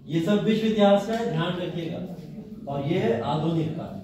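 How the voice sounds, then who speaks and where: A man's voice: sits high, normal speed, background noise. A man teaching a history class, asking his students questions and answering them himself. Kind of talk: classroom lecture. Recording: very echoey room, mic far off.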